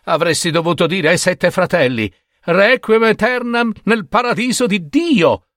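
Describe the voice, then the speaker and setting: A man's voice: high voice, lively intonation, unhurried, fairly bright tone, dry recording, clean studio sound, pitched above the performer's own voice. A man voicing an exasperated, doting peasant mother who chides her foolish son. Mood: scolding. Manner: chiding, exclaiming.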